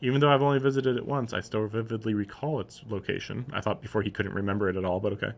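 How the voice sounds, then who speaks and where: A gravelly, lowish voice reads a story quickly and steadily on a live stream. The man interrupts with informal, questioning remarks between passages, keeping up a casual, puzzled commentary.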